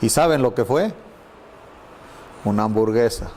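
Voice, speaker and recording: Animated middle-aged man teaching a Bible class. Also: mid-range voice, measured pace, slight background noise. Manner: animated storyteller, acts out quoted voices. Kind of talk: conversational Bible lesson.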